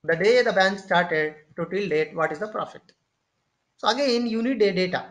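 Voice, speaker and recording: A mid-pitched instructor talks through a screen-share tutorial lecture, explaining one step at a time. The delivery is loose and unscripted, with phrases repeated and restarted mid-thought and frequent "okay" checkpoints. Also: moderate pace.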